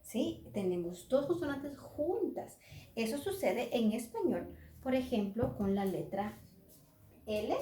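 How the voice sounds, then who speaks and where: Slow, mellow-voiced woman teaching phonics. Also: on the high side. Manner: slow, drawn-out sounding out of letters. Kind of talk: children's phonics lesson at a whiteboard. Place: classroom with whiteboard. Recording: echoey room.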